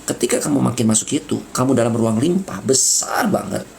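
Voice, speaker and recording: A man's voice: mid-range voice, lively intonation, brisk, creaky, a little mellow, a little hiss or hum. A man giving casual spiritual coaching in a soothing way, repeating words and dropping in English phrases. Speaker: spiritual mentor.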